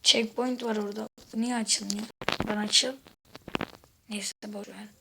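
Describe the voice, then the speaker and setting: A woman giving casual gameplay commentary, exasperated, swearing and shouting out at the game while chatting to her viewers. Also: mid-range voice, fairly even intonation, a little slow, gravelly, background noise. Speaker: gaming video host.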